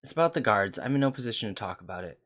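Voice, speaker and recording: Reading game dialogue aloud, a man voices a short-tempered young female technical consultant who is grumpy, snappish and complaining, then turns apologetic. His voice is fairly low, animated, rapid-fire and a bit bright.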